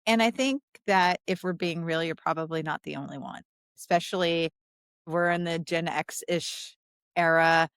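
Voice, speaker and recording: A woman's voice: on the low side, steady tone, measured pace, a bit bright, clean tone, dry recording, clean studio sound. A woman hosting a career podcast, affirming and enthusiastic as she sets up questions. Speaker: podcast host and coach. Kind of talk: conversational interview.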